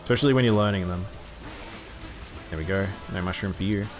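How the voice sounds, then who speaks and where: A man's voice: deep voice, fairly quick, music in the background. A man with a mild Australian accent, chatting casually while streaming a game. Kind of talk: casual gaming chat.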